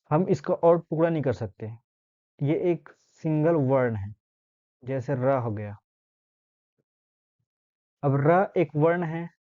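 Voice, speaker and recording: A man teaches a grammar lesson in a slightly raised voice, walking through each point step by step. He pauses to sound out letters slowly and keeps asking if his listeners follow. The recording is muffled and lo-fi. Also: fairly high pitch, mellow. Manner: explains step by step, often asks "है ना?". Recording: dull lo-fi sound.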